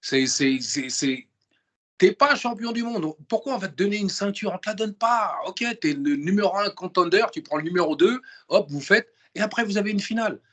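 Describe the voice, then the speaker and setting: A high-pitched man talks at normal speed, appearing as an interview guest. His casual, slang-filled speech is emphatic and animated, marked by many restarts and repeated words.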